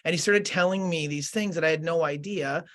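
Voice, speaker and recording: Earnest man, fairly high voice. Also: fairly bright tone. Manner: earnest, halting, with many fillers and restarts. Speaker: school principal and educator. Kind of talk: reflective conversational storytelling.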